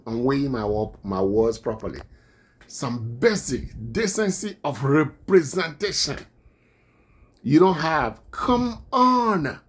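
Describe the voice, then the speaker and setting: A man with a non-native accent, whose first language is not English, gives indignant political commentary. His husky voice rises and falls widely as he hammers his points home again and again. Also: medium pitch.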